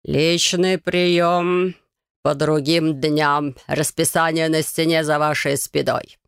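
A woman reading an audiobook voices an indifferent building guard, a man who drones in a nasal, frozen monotone. He is slow and unbothered, and his voice sits low with a gravelly edge on a dry, close recording. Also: no echo, exaggerated voice. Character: bored monotone male guard, gatekeeping.

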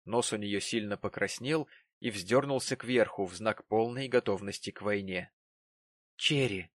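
A man reading a classic novel aloud as narrator, measured and expressive. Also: fairly low pitch, no room sound. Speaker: audiobook narrator. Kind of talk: scripted literary narration.

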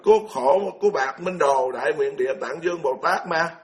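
A man's voice: a little high, normal speed. A man, giving a blunt, colloquial Buddhist sermon full of scolding rhetorical questions. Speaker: Buddhist monk lecturer.

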